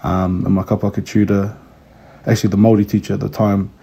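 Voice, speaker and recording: A man's voice: fairly low pitch, little pitch movement, fast, gravelly, dark tone, slightly rough. A man in his thirties with a New Zealand accent, chatting casually as an interview guest. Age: 30s. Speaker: kapahaka tutor, interview guest. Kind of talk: casual chat.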